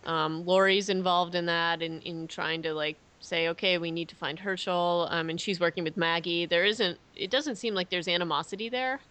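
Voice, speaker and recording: Female podcast co-host, slightly low bright voice, easy agreeable chat. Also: fairly even intonation, normal speed, hardly any pauses, clear, resonant tone. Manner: agreeable, brief backchannels and easy recaps. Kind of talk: casual chat.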